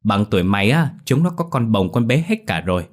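A man voicing a sharp-tongued village mother who nags her daughter in a shrill, scolding tirade. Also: very animated, fairly quick.

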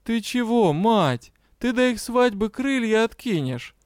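A man's voice: fairly high pitch, measured pace, darkish tone, clear, resonant tone, no room sound, clean studio sound, lightly acted. A man playing a brash, teasing dragon. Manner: brash, teasing, mock-indignant. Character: cheeky male dragon, teasing and shameless.

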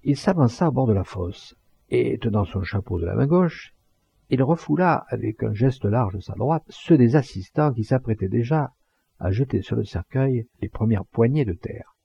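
A man reading a novel aloud as an audiobook narrator, measured and expressive, on a close, dry mic in a dull lo-fi recording. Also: mid-range voice, gravelly, breathy edge, dry recording. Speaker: audiobook reader.

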